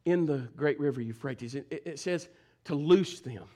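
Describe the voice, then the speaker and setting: At a church service, a male pastor preaches a fervent sermon at normal speed. He calls out to his congregation, swinging between shouting and hushed, low talk.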